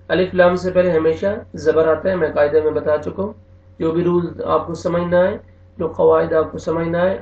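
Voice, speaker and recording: Gravelly high-voiced tajweed teacher, echoey. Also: male voice. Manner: slow drawn-out recitation alternating with quick explanations. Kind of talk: online recitation lesson. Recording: echoey, distant, tinny phone-like sound.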